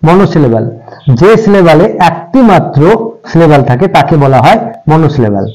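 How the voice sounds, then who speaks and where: A man teaching English grammar, explaining patiently, repeating each point and stretching example words out slowly. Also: a little high, expressive, a little mellow, low-quality recording. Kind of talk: classroom-style explanation in Bengali.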